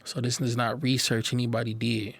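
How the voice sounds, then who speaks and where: A young man giving a personal testimony to a live audience, earnest and halting, often repeating words as he speaks. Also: medium pitch, flat delivery, creaky, husky, dry recording.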